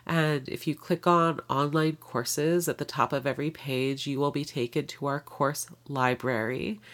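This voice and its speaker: A woman hosting a podcast while sick with a cold, her voice nasal and congested, talking in a chatty, upbeat way. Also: low-pitched. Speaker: podcast host. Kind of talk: casual podcast intro.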